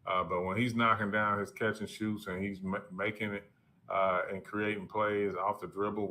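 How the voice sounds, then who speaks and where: A man talking as a team coach on a live esports broadcast, halting, with many fillers and restarts. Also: deep voice, bright, forceful tone. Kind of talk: casual broadcast interview.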